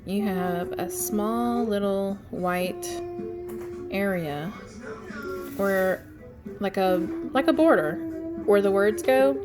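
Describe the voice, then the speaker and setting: Woman, congested, unhurried pace, middle pitch, casual tutorial walkthrough, music in the background. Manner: chatty, step-by-step instructions with frequent ums. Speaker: craft tutorial host. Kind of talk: casual screen-share tutorial.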